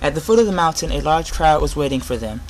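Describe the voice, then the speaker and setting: A young adult man giving an informal sermon with Bible readings, speaking earnestly and a little haltingly. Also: a little high, animated, slight background noise, rough recording. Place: inside a garage. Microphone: device camera at close range.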